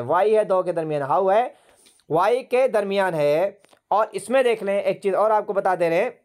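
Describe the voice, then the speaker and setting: A man's voice: high voice, a little mellow. A man teaching an online English grammar class over a video call, patiently repeating words and spelling them out letter by letter.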